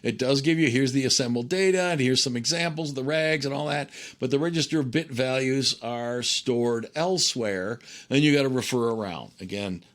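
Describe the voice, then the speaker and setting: A man with a medium-pitched voice works through a technical lesson as an instructor. He talks conversationally, thinking aloud as he goes and regularly checking that the listener follows. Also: moderate pace, few pauses, a bit bright. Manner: conversational, checks in with okay and right.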